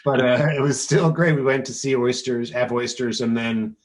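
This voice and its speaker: Man, relaxed interviewer, hesitant, casual chat, video call. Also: mid-range voice, normal speed. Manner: laid-back, hesitant. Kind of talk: casual conversation.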